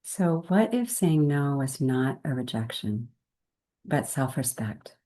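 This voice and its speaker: A woman guides a meditation in a rumbling low voice that is still expressive. Her pace is gentle and unhurried, with measured phrases and long pauses.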